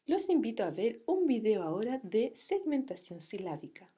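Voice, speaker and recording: A woman's voice: fairly high pitch, very animated, normal speed, warm tone, breathy edge. A woman teacher from Chile, leading first graders through a reading drill and praising them often. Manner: praising, encouraging pupils. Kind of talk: slow classroom reading drill.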